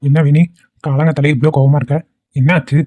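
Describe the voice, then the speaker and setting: An easygoing cartoon dad, voiced by a man, talking fast in a mellow, slightly raised voice. He teases and lectures his wife without heat. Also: on the high side, faint music behind, close to an everyday voice. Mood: teasing. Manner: calm, teasing, lecturing. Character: easygoing middle-aged father indulging his son.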